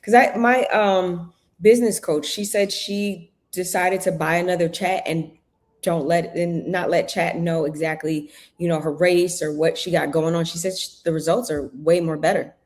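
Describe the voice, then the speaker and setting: A woman's voice: lowish voice, fairly even intonation, moderate pace, darkish tone. A woman guest in a casual live chat, chatty, often restarting her sentences. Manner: chatty, trailing restarts, exclaims oh my God.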